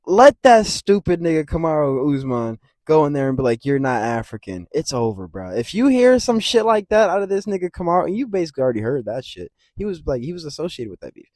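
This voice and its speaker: A man's voice: on the high side, very animated, fast, few pauses, dry recording. Rambling, profane man in a dry room. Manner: rambling, profane, with big jumps in loudness. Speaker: MMA commentary channel host. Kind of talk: casual fight-prediction rant.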